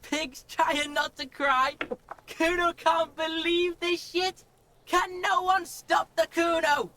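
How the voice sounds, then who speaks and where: A shrill, wildly swinging voice of a volatile teenage boy in a video game. He is foul-mouthed and taunting, calls himself by name, and turns to frantic screaming. The sound is bright and piercing, with a hiss of noise behind it. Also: fairly even intonation, slow pace, full character voice. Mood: sulking mockery. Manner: taunting, talks about himself in third person.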